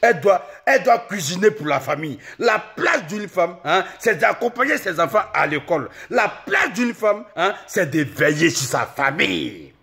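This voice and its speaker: Comic man, shouty repetitive rant, high gravelly bright voice. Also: big pitch swings, normal speed, few pauses. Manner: ranting, repetitive, often shouting. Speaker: comic vlogger.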